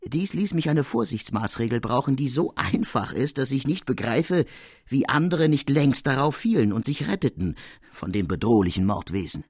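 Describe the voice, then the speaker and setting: A man reading the part of a proud, frank army officer who speaks firmly and with emphasis, in a husky, dry voice. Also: medium pitch, very animated, moderate pace, darkish tone, dry recording. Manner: firm, emphatic confession. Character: proud middle-aged male officer, soldierly and frank.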